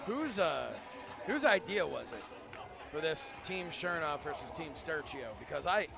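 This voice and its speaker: A male color commentator with a high, creaky voice trades wisecracks at a live wrestling show. Loud music plays behind his patter. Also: big pitch swings, a little slow, crowd noise.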